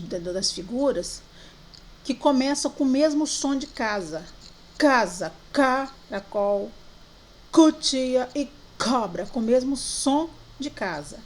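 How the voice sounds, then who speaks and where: A woman teacher from Brazil, guiding young children through worksheets in a remote lesson, slowly drawing out syllables and words. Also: a little high, darkish tone. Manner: slow, drawn-out syllables for children.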